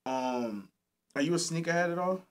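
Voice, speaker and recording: A man in his thirties hosting a podcast, chatting casually with a guest in animated, slang-heavy, joking talk. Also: on the high side, normal speed. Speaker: podcast host. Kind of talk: casual interview chat.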